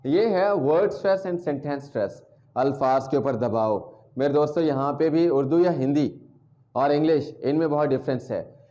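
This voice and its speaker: A man teaching an English language lesson, drilling words and sounds slowly and repeating each one. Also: mid-range voice, mellow, highs cut off.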